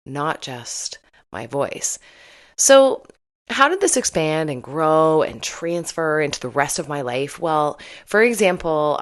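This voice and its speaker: A woman's voice: sits low, fairly bright tone. A middle-aged woman hosting a podcast, telling personal stories in a candid, self-deprecating way and laughing often. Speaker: podcast host.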